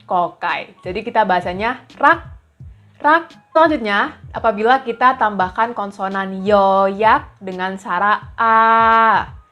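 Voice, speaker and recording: A patient woman teaching a lesson, her voice at an ordinary middle pitch. She explains each rule step by step and repeats example syllables slowly for learners to copy. Faint music plays softly under her voice. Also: lo-fi sound. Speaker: language teacher.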